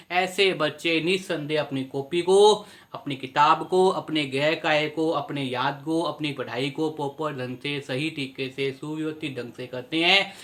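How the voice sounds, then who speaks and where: Male teacher, lecture, bright forceful voice, slightly high, asks and answers own questions, repetitive explaining. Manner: asks students questions then answers them himself. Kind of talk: Hindi class lecture.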